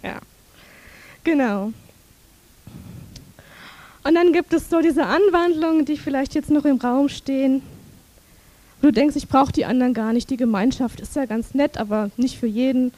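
A woman preaching a sermon in church, telling personal stories and leading prayer in a lively way. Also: high-pitched, normal speed, long pauses, dry recording.

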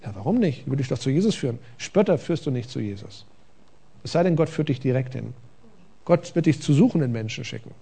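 A man preaching a conversational sermon from a church stage, with rhetorical questions and a lively, engaging delivery. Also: medium pitch, brisk, vocal fry, slightly rough. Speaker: pastor.

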